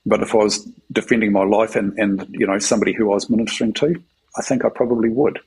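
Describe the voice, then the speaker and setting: A middle-aged man from New Zealand, a military chaplain, telling a story in a halting, filler-heavy conversational way with a New Zealand accent. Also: on the low side, fairly even intonation, darkish tone, husky, rough recording. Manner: halting, many fillers and repeated words.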